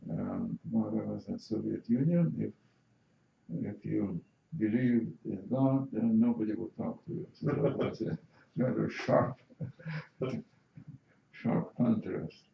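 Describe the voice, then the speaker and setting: An older man from Azerbaijan with a Russian accent, slowly answering interview questions with many halting fillers. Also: fairly low pitch, creaky. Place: university building. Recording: echoey room, muffled sound, faint hiss.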